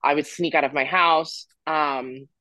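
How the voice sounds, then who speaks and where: A man's voice: a little high, fairly even intonation, a little slow, sharp tone, no room sound. A young man in his twenties, raised in Florida, talks through his story as a podcast guest, candid and rambling, often stopping to restart a thought. His voice is close to the mic in a dry, dead room. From Florida, USA. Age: 20s. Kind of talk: casual interview storytelling.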